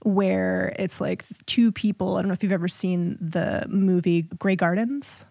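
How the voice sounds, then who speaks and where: A woman co-hosting a podcast, explaining relationship signs in a clear, steady, explanatory way. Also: lowish voice, unhurried, dry recording. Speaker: podcast co-host. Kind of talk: casual relationship chat.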